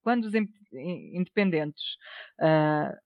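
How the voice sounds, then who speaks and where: A woman's voice: deep voice, expressive, dry recording, phone-quality sound. Hesitant European Portuguese woman commentator. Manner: measured, hesitant restarts. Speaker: political commentator. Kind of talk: panel discussion.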